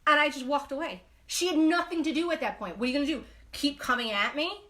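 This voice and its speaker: A woman's voice: high voice, quick pace, fairly bright tone. A woman from Brooklyn, hosting a casual knitting live stream, talking bluntly with lots of swearing and rambling fillers. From Brooklyn, New York.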